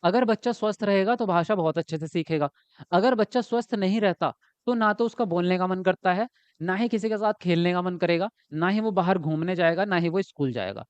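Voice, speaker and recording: A man's voice: high-pitched, a little fast, clean tone, no room sound. A man teaching a live online exam-prep class, chatty and often checking with his viewers. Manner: chatty, keeps asking "right?" and answers chat comments. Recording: dull lo-fi dry sound.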